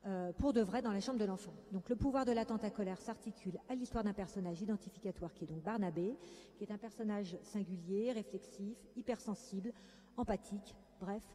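A woman's voice: mid-range voice, fairly quick, mellow. A woman clinical psychologist giving a conference talk, speaking hesitantly with many fillers. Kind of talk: conference lecture. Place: conference hall. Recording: echoey conference hall.

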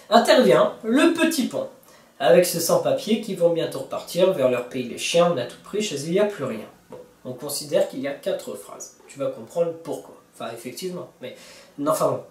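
Picked up from a distance in a roomy space, a man with a slightly high, darkish voice gives a guitar tutorial. He chats casually with the viewer while playing, counting out beats and singing bits of the lyrics.

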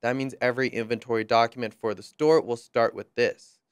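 A young man presenting a screen-recorded software walkthrough, friendly and upbeat with light jokes, on a close mic. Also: mid-range voice, fairly even intonation, fairly quick, smooth, dry recording.

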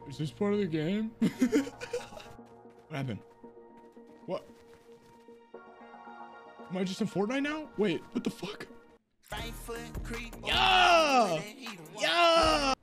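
Male game streamer, high and wildly swooping voice, gravelly edge, jumpy and swearing, game music under. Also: sing-song, takes it slowly, long pauses. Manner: jumpy, swearing, swings from mutters to yells. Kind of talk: live gameplay commentary.

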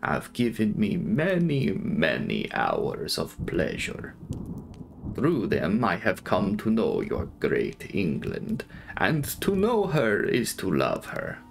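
A man voicing a courtly, commanding Transylvanian count in an audiobook, speaking in formal, drawn-out, measured phrases with a sinister edge. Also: sits low, huge pitch swings, gravelly, faint music behind, heavily acted. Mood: courtly, longing. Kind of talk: dramatic audiobook character reading.

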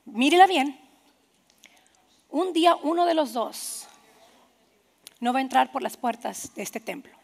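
Woman pastor in her thirties, a high, gravelly voice, animated preaching with soft whispered asides. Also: measured pace, long pauses. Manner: animated, quoting others in asides. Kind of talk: sermon.

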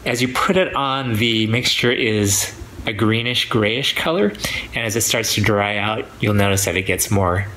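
A man's voice: fairly low pitch, bright, forceful tone, a little hiss or hum, low-quality recording. A man doing a casual product review with his hand over his mouth, chatting through the steps. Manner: chatty, explaining step by step.

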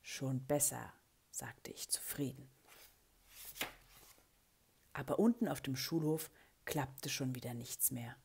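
A woman reading a children's story aloud, with a breathy voice and an expressive way of giving the characters their lines. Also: a bass voice, slow pace, long pauses. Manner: expressive, lively character voicing in quotes. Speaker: children's book reader.

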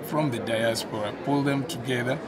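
A man's voice: medium pitch, moderate pace, distant mic, a crowd in the background. A man leading a diaspora association, interviewed at an event in a proud, expansive way. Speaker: association leader. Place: indoor event backdrop. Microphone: handheld mic held to him.

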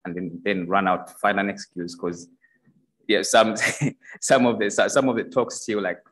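A man's voice: lowish voice, measured pace, low-quality recording. A young man from Uganda giving a personal testimony at a church podium, speaking hesitantly with many fillers and restarts. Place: church stage in a large hall. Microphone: podium microphone.

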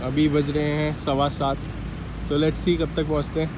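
A young man casually narrating a road trip vlog from his car, chatty and relaxed, mixing English words into his talk. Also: a little high, moderate pace. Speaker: vlogger. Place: car on a highway and roadside outdoors. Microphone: handheld phone camera. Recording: loud road and car noise.

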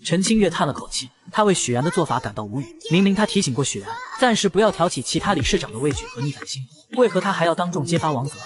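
A man narrating a comic recap in a scripted, rapid, even storytelling delivery. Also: fairly high pitch.

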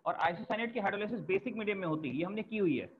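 This chemistry teacher talks fast in a high voice, explaining each step and repeating important terms for his students to copy down. The recording has a tinny, phone-quality sound.

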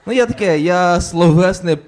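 A man's voice: high voice, moderate pace, noisy background. A young man from Ukraine with a stutter, performing a stand-up routine on a club stage and acting out the people he quotes. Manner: acts out relatives and officials in quoted voices. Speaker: stand-up comedian. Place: comedy club stage with audience laughter.

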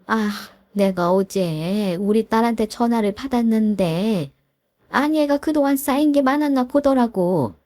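A woman's voice: a little high, unhurried, mellow, no room sound, close to an everyday voice. A woman voicing a pushy, self-pitying older mother-in-law in a storybook drama, wheedling and guilt-tripping. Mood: pleading, pushy.

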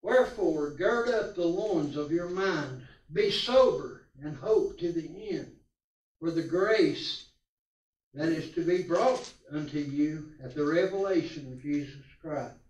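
A man preaching at a pulpit microphone, reading scripture slowly and deliberately with small stumbles. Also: fairly high pitch, lively intonation, darkish tone. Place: church sanctuary. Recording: roomy church sound from a distance.

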